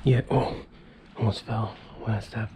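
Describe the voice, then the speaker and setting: A man in his thirties, an urban explorer, films a casual handheld walkthrough vlog inside an abandoned, fire-damaged house, thinking aloud to his viewers. His voice is lowish and steady, his pace unhurried, and there's background noise on the handheld camera's recording.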